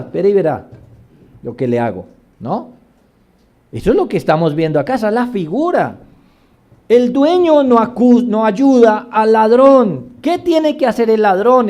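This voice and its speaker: Mellow-voiced male preacher asking rhetorical questions. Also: high-pitched. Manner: reads scripture passages aloud. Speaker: pastor. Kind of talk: sermon.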